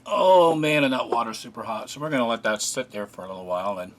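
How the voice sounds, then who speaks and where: A man casually narrating a food taste test, relaxed and chatty, often pausing with fillers as he eats. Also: lowish voice. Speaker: food reviewer.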